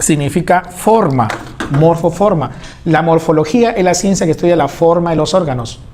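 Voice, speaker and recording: A male teacher giving a lecture, animated, asking questions and answering them himself. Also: sits high. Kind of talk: classroom lecture.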